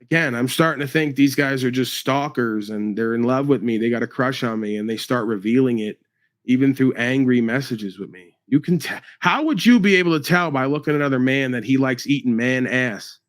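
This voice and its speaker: A man's voice: medium pitch, fairly quick. Profane New man ranting. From New York. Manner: profane, confrontational, mocking. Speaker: livestreamer. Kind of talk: angry livestream rant.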